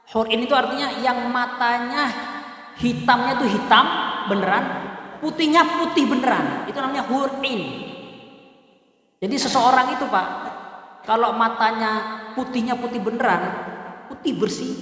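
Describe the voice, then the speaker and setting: A man teaching a joking sermon to his congregation, chanting Arabic verses slowly between casual explanation. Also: extremely high pitch, fairly bright tone. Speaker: Quran teacher. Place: mosque hall. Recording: echoey hall, mic far off.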